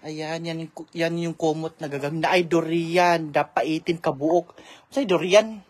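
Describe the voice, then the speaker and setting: A woman vlogging in a casual live-stream chat, chatty, reading out viewer shout-outs and mixing in English. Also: low voice, steady tone, unhurried. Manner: code-switches freely with English.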